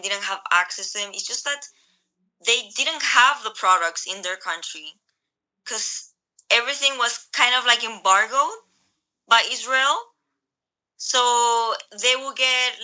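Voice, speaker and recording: Bright-voiced young woman, hesitant speech. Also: on the high side, low-quality recording. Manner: hesitant, many fillers and restarts. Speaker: interviewee. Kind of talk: casual conversational recollection. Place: Greece.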